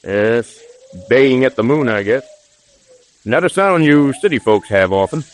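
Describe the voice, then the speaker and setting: A hospitable backwoods man from a 1930s radio play, played by a male actor. He has a medium-pitched, homely voice on a vintage recording. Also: animated, measured pace, slight background noise, natural voice. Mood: relaxed, homely.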